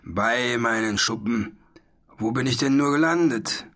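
A man's voice: mid-range voice, animated, very slow, a bit bright, breathy edge, exaggerated voice. A man voicing a tiny, anxious dragon who wails and frets. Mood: wailing. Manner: wailing, fretful. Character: tiny anxious male dragon, fretful and whiny.

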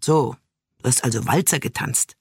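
A man voicing a grumbling, nagging male fairy companion in a children's storybook, gruff and scolding. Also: medium pitch, moderate pace, no room sound, studio quality.

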